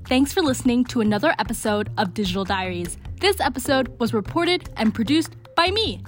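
A woman's voice: on the high side, animated, brisk, faint music behind. Young woman narrating a student podcast. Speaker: podcast host and reporter. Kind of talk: scripted narration.

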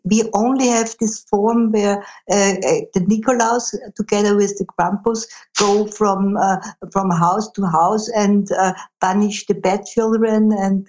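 A woman's voice: mid-range voice, darkish tone, dull audio. A woman from Upper Austria with an Austrian German accent, speaking hesitantly with many fillers as an interview guest. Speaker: university teacher, ethnographer. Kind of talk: casual interview.

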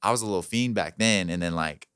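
A man's voice: low voice, fast, fairly bright tone, smooth, no room sound, studio quality. A man of twenty-eight in casual chat, laid-back and slangy, full of "like" and "bro".

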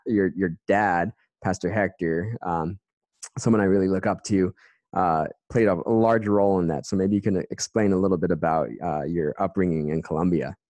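A man hosting a casual interview, speaking haltingly with many restarts and "um"s. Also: low-pitched, a little mellow, no echo.

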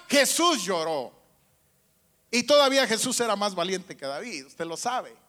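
A man's voice: very high voice, pushed and bright. A man preaching a sermon as pastor, asking the congregation questions with strong emphasis. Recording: long hall reverb.

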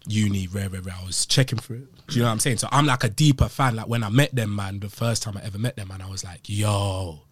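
A man's voice: lowish voice, quick pace, hardly any pauses, breathy edge, dry recording. A man in his late twenties with a London accent and roadman slang delivery, chatting casually as an interviewed video editor. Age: late 20s.

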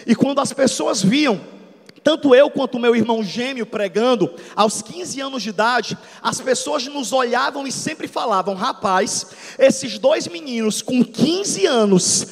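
A man in his thirties, a pastor, preaching a dramatic testimony sermon that swings from soft storytelling to shouts. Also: very high-pitched, expressive, a little slow, gravelly, breathy edge, long reverb tail. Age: 30s. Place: church hall.

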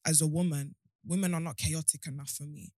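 A young woman with a deep, slightly mellow voice speaks a little fast with fairly even intonation, candid and outspoken as she jumps between points. It's a casual podcast chat, and she is listed as guest and show host. The sound is clean studio audio with no room sound.

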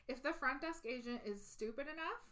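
A woman's voice: high-pitched, brisk, a crowd in the background. A young woman in casual conversation, telling stories from her hotel job with lots of laughter. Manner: animated, laughs often. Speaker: podcast co-host, former hotel worker. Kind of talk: casual storytelling chat.

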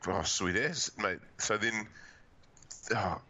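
A man's voice: fairly low pitch, takes it slowly, sharp tone, muffled recording. A man with a broad New Zealand accent chatting casually about sport as a co-host. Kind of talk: casual rugby league banter.

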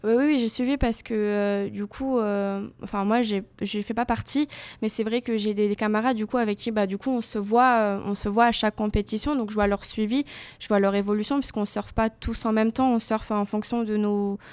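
A woman's voice: medium pitch, steady tone, moderate pace, a little mellow, smooth. A young woman, an athlete guest, answering interview questions casually and searching for her words. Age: young adult. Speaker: para-surfing champion guest.

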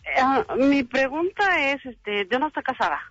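A woman speaks over a telephone line into a live radio show. Her phone audio sounds muffled and completely dry. She gropes for words, with frequent pauses and hesitations. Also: sits high, lively intonation, a bit bright, dry recording, faint music behind. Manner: hesitant, halting with many fillers. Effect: heard over a phone line. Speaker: radio call-in caller.

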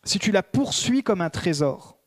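A man preaching a sermon as a pastor, swinging between emphatic raised peaks and hushed prayerful passages. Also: high voice, very animated, measured pace.

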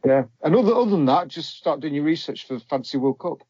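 Regular-pitched bloke chatting football tips, dry and slightly dull internet call. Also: male voice, lively intonation, fast talker, warm tone, husky, no echo. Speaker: podcast panellist. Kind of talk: casual football advice chat. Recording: muffled internet call audio.

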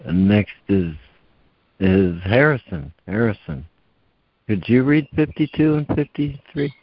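A man with a fairly low voice leads a group reading over a video call. He talks slowly and casually, pausing with fillers as he calls on each person. His voice comes through dull and close, with the dry, lo-fi sound of a computer microphone. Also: breathy edge, no echo. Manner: easygoing, hesitant with fillers. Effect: heard over a video call. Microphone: computer or headset mic on a video call.

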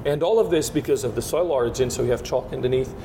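Speaking fast, a Portuguese-born winemaker gives descriptive interview answers in a language other than his native Portuguese, stopping and restarting as he looks for the right words. There's constant hiss and a rumble in the recording.

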